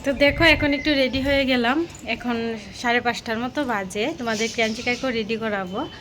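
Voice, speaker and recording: A woman's voice: on the high side, steady tone, brisk, background noise. Chatty young woman narrating a home vlog. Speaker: vlogger, mother. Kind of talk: casual vlog narration and voice-over.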